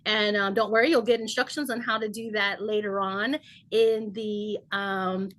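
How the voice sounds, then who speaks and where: A woman's voice: medium pitch, fairly even intonation, moderate pace. A woman hosting an online healing event over a video call, speaking earnestly with many ums. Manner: warm-paced, filler-heavy, earnest. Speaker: host, shamanic healer.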